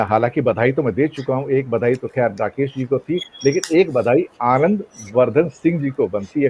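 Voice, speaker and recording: An earnest man moderating a panel discussion in a mid-pitched voice. He poses pointed rhetorical questions and leans on dramatic pauses. The recording is a little dull and lo-fi. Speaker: host.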